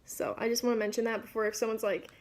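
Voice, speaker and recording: A woman's voice: fairly high pitch, level tone, fast. A woman giving a casual, chatty makeup tutorial, informal and rambling, often interrupting herself with asides. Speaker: beauty vlogger.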